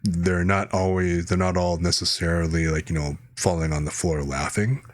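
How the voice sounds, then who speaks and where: A man's voice: deep voice, fairly even intonation, normal speed, dry recording, clean studio sound. A man from the United States, a streamer, chatting casually and telling rambling anecdotes. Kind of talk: casual chat.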